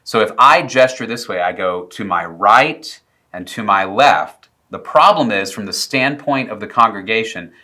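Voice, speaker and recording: A man teaching preaching technique in a video lesson, explaining clearly and demonstrating vocal examples. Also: lowish voice, animated, normal speed, bright, forceful tone. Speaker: preaching instructor.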